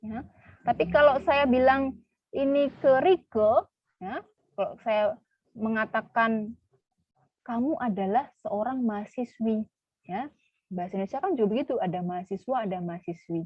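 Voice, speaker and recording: A woman's voice: on the high side, normal speed, long pauses, no echo, highs cut off. A woman teaching a class, patiently repeating words and quizzing her students. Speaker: French teacher. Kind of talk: online class lesson.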